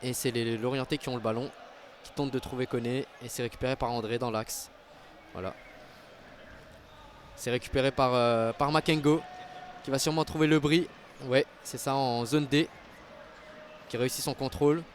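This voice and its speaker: A man giving live football commentary as a match commentator, getting excited at big moments. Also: mid-range voice, moderate pace, long pauses, slight background noise.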